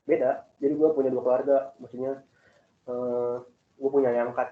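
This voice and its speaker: A young man chatting casually with classmates, rambling and animated as he tells about his family. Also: mid-range voice, normal speed. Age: young adult. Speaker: student in group discussion. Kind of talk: casual chat. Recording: echoey, phone-like call audio.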